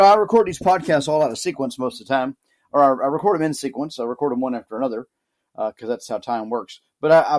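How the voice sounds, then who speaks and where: A man hosting a podcast, giving a dry, sardonic, mock-serious comic monologue. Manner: lively, animated pitch. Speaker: podcast host.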